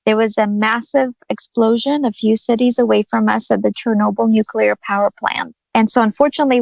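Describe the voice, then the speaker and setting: A woman in her thirties from Ukraine speaks as a psychologist guest in a podcast interview. Her voice has a gravelly edge, and she tells her story earnestly. The sound is dry and a little dull and lo-fi. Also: mid-range voice, darkish tone, dry recording.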